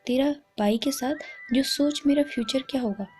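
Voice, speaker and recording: A woman's voice: high-pitched, moderate pace, darkish tone, a little hiss or hum, close to an everyday voice. A woman voicing a brash young college man who teases his friend. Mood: teasing. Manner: brash and teasing.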